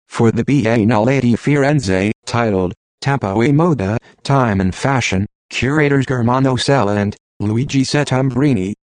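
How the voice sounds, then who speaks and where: Robotic text to speech guy, old synthesizer sound, kinda low, super dry narration. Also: no echo. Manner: flat robotic reading, stilted phrasing, emoji names read out literally.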